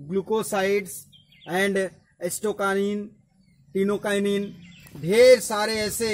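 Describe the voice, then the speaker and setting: A man giving a patient educational explainer, repeating key terms as he teaches outdoors. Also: high-pitched. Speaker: educational presenter.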